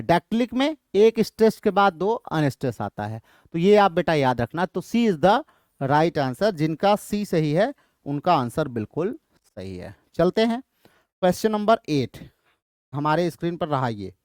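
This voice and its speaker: A man's voice: sits high, no echo, clean studio sound. A man with an Indian English accent teaching an exam-prep lesson. He repeats his points often and asks questions that he answers himself.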